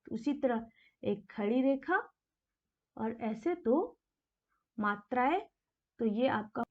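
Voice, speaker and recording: A high-pitched woman teaches a beginner's lesson at an unhurried pace. She repeats each sound carefully, asking a question and then answering it herself. The recording is dull and lo-fi. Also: expressive. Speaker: Hindi teacher. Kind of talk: slow explanatory lesson.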